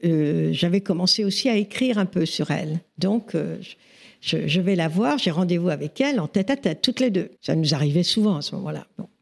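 Gravelly older woman telling her story. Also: on the low side. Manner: animated, raises her voice when quoting herself. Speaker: feminist activist guest. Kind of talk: personal storytelling testimony.

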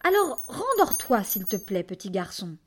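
A woman's voice: mid-range voice, very animated, normal speed, a little hiss or hum, lightly acted. A woman voicing a stern, fussy green dream monster in a storybook reading, with a serious, scolding tone.

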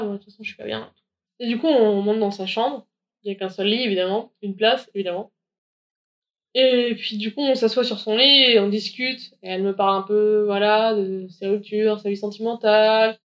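A woman's voice: medium pitch, highs cut off. Frank woman telling a candid story. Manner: frank, slangy, acts out the dialogue she recalls. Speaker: guest telling her own story. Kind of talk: candid first-person storytelling.

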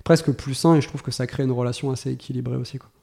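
A man in his thirties talks through his answers as a podcast guest, his voice mellow and dark with a gravelly edge. He stops, restarts and fills pauses as he works out what he wants to say. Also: mid-range voice, fairly even intonation. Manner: thoughtful, many hesitations and restarts. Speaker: guest, tech executive. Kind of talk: casual interview talk.

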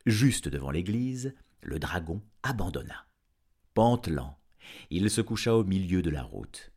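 A man reading a storybook aloud in an expressive, lively storytelling manner. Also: sits low, a little slow. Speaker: audiobook reader. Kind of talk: storybook narration.

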